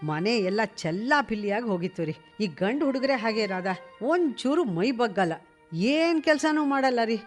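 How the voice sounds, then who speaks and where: A woman's voice: medium pitch, close to an everyday voice. A woman voicing a chatty middle-aged neighbour and new grandmother in a radio drama. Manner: gossipy, gushing, exclaiming. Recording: radio drama with faint music.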